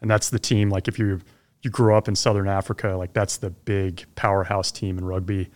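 Low-pitched man in his forties, relaxed podcast guest, easygoing storyteller. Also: a little fast. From grew up abroad (Belgium, Zimbabwe, Pakistan), then Florida. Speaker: podcast guest, former Army helicopter pilot. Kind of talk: casual interview storytelling.

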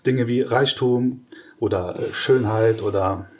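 A man at a middle pitch co-hosts a podcast discussion. He explains patiently, stumbling through restarts and then warming into lively, exaggerated examples. His delivery stays conversational rather than scripted. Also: unhurried, slight background noise. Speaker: podcast co-host.

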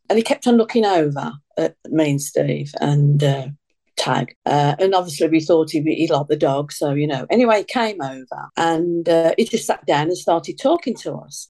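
A woman's voice: sits low, warm tone. An older woman, telling a story in a rambling way, often repeating herself and quoting others. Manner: rambling, repeats herself, lots of reported speech. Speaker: guest. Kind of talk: casual storytelling.

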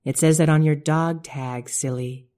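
A woman's voice: low-pitched, fairly even intonation, unhurried, dark tone. A woman voicing a cheeky young girl schnauzer puppy who talks in a teasing, breezy, self-assured way. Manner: teasing, breezy and sure of herself.

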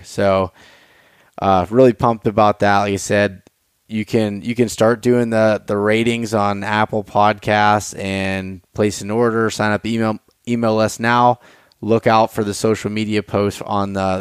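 Podcast host: American man, smooth lower register, dry sound, casual and slightly hesitant delivery. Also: dry recording. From Pennsylvania, United States.

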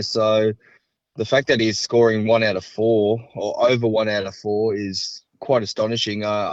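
A man's voice: lowish voice, dry recording. A man co-hosting a casual racing podcast, rambling and hedging with lots of fillers. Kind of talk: casual chat. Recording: slightly dull, dry sound.

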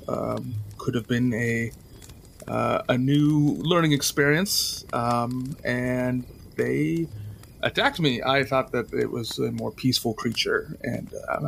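A man playing a polite, earnest wandering journalist adventurer in a tabletop game, speaking in measured, formal, hesitant phrases. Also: medium pitch, gravelly, fairly bright tone, a little hiss or hum. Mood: rueful, measured. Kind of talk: tabletop role-play in character.

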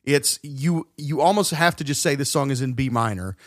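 A man's voice: mid-range voice, normal speed, dry recording, studio quality. A man co-hosting a podcast, talking through a song's music theory in a rambling way with many fillers and restarts. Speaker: podcast co-host. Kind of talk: casual music-analysis chat.

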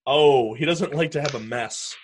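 A man with a mid-range voice chats casually at normal speed during a movie watch-along commentary, cracking jokes and laughing often. Slight background noise can be heard.

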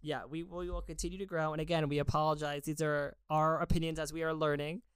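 A woman's voice: sits low, level tone, fast, clean tone, dry recording, clean studio sound. A woman co-hosting a podcast in casual chat, speaking in a playful, joking manner. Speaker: podcast co-host.

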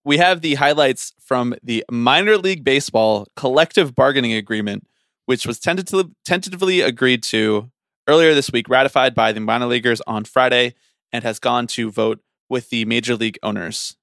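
A man's voice: mid-range voice, moderate pace, vocal fry, no echo, clean studio sound. A man co-hosting a podcast, chatting casually and ranting with teasing energy. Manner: animated, teasing, ranty. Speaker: podcast co-host.

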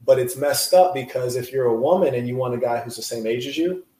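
A man hosting a loose chat show, slangy and playful, often breaking into laughter. His voice sits at an ordinary middle pitch, and the room around him rings with echo. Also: brisk, dark tone. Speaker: podcast host. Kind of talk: casual chat. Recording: echoey room.

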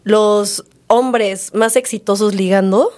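A woman's voice: mid-range voice, fairly even intonation, slow pace, darkish tone. A woman hosting a casual chat, talking with many fillers. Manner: chatty, frequent fillers. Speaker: podcast host.

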